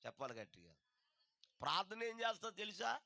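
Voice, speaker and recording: A man with a Telugu accent preaching a sermon, calling on the congregation to answer him aloud and moving between loud drawn-out lines and quick low asides. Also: big pitch swings, gravelly, no echo, studio quality. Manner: call-and-response preaching, urging the crowd to answer loudly. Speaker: pastor.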